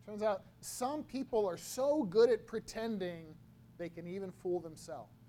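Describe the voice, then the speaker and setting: A man preaching a sermon, slow and halting, often repeating his words as he goes. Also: high-pitched, dark tone. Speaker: pastor.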